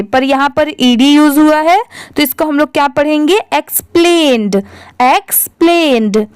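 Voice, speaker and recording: A woman's voice: high voice, no echo, studio quality. A woman teaching a reading lesson, spelling words out letter by letter and asking and answering her own questions.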